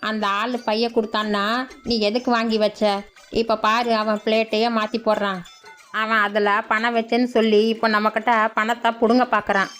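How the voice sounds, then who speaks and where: A woman voicing a clever, boastful young village man in a cartoon, speaking low and slow. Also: level tone, a bit bright, soft background music, close to an everyday voice. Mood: grumbling. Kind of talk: cartoon voice acting. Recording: dull lo-fi sound.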